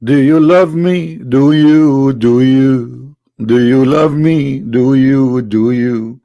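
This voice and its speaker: A man's voice: medium pitch, measured pace, no room sound, lo-fi sound, natural voice. A man with a cold putting on the voice of an older man who keeps pleading for love. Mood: wheedling. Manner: insistent, repetitive questioning. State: has a cold.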